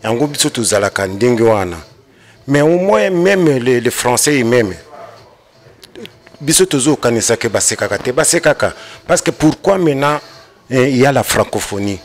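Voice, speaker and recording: A man's voice: mid-range voice, animated, moderate pace. A man, a panel guest explaining his view and mixing in Lingala words. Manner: explanatory, mixes in Lingala, rises emphatically. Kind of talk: debate discussion.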